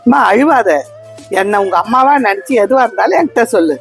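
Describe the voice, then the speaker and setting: A woman's voice: a little high, expressive, fairly quick, soft background music. A woman playing a kind stranger who coaxes and comforts in a comedy skit. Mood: caring. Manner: soothing, coaxing.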